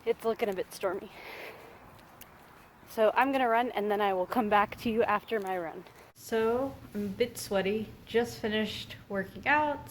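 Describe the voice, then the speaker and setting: Outdoors on a walking path, a Florida woman who vlogs and teaches chats casually, talkative and self-deprecating. Her voice is medium-pitched, with slight background noise.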